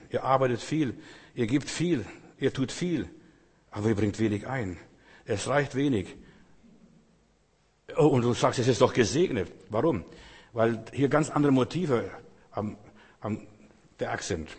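A man preaching a sermon in an earnest way, breaking into loud, fervent prayer. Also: mid-range voice, a little slow, long pauses, husky. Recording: long hall reverb.

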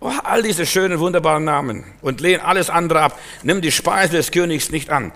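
A man preaching an emphatic sermon, swinging from loud exhortation to quiet, searching questions. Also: a little high, a little fast. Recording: long hall reverb.

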